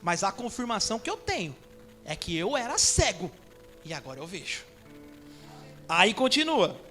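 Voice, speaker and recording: Brazilian male church elder with a sharp, forceful voice, preaching casually with slang and banter, faint music underneath. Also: sits high, big pitch swings, normal speed. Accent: Brazilian Portuguese. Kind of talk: informal live sermon. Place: church during a Sunday service.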